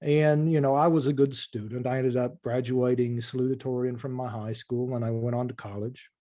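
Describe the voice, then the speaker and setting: A man's voice: medium pitch, little pitch movement, fairly quick, mellow. Thoughtful man with an Appalachian accent. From eastern Kentucky, USA. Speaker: podcast guest. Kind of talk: reflective interview talk.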